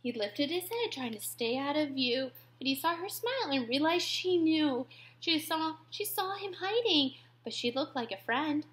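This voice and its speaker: Woman, high voice, rhyming storybook read-aloud, expressive, whispers for suspense. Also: moderate pace, hardly any pauses.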